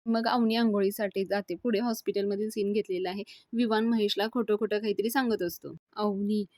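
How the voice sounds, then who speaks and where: A woman recapping a TV serial episode, telling the story briskly and reading the characters' lines plainly. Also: mid-range voice, steady tone, a little mellow, no echo, clean studio sound. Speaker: TV serial reviewer.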